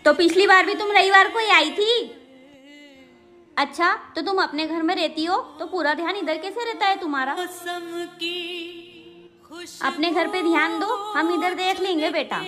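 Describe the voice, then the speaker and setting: A woman's voice: very high voice, normal speed, pauses often, pushed and bright, faint music behind. An actress playing a kind but firm middle-aged mother-in-law in a short family skit, who scolds others to protect her daughter-in-law. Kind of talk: melodramatic short-video acting.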